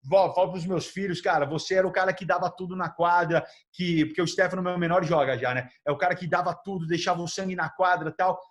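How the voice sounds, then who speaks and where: Animated, high-voiced Brazilian man telling stories. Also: fast, few pauses. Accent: Brazilian Portuguese. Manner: animated, laughing, acts out quotes. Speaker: podcast host. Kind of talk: casual storytelling chat.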